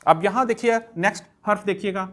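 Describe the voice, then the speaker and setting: A man's voice: high voice, fairly quick, fairly bright tone. A male kindergarten teacher giving an alphabet writing lesson. He talks through each pen stroke step by step and patiently repeats each letter sound several times.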